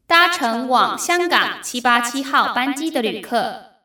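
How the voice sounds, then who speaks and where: Woman voicing a formal airport announcer on the intercom, bright and high, roomy echo, distant mic. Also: animated. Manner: formal, measured announcement reading. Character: female airport announcer reading flight notices. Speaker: Chinese teacher.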